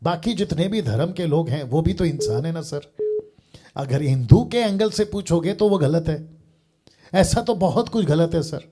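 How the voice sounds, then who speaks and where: An earnest male preacher reasoning with a caller through homely examples. His voice sits a little high, with a soft husky grain and a mellow, dark tone. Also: lively intonation, moderate pace. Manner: earnest, reasoning by everyday examples, repeats "sir". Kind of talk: live call-in Q&A.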